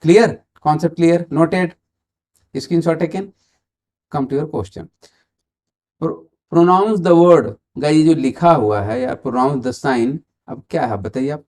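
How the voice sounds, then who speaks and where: Indian male English teacher, fairly high. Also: unhurried, darkish tone. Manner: mixes Hindi and English, quizzes viewers and waits for replies. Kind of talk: online exam-prep grammar lesson.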